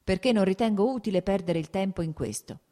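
A woman's voice: medium pitch, brisk, dark tone, voice pushed up, natural voice. A woman reading an audiobook, voicing a gloomy male visitor who answers curtly and sullenly. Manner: curt, sullen.

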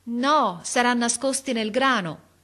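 A woman voicing a brave, fearless young boy in a storybook reading, calling out eagerly. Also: moderate pace. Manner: bright, excited calls from up high.

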